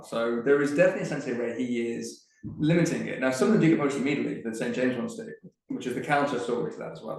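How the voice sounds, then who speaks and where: A man's voice: mid-range voice, vocal fry, darkish tone. A man speaking on a live panel, thinking aloud with frequent restarts. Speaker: panel speaker on Dickens's plays. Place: museum event room. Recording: very echoey room.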